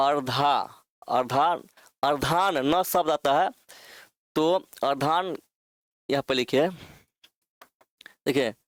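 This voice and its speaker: Male tutor, somewhat high voice, dry close mic, slow repetition while writing on the board. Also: dry recording. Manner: repeats words slowly while writing them out. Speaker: teacher. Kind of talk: online exam-prep lesson.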